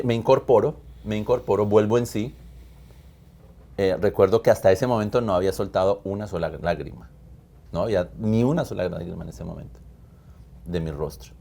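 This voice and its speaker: A man with a very low, deep voice recounts a personal testimony in an earnest, emphatic way. He speaks as a pastor in conversation, repeating phrases for weight. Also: gravelly, a little mellow.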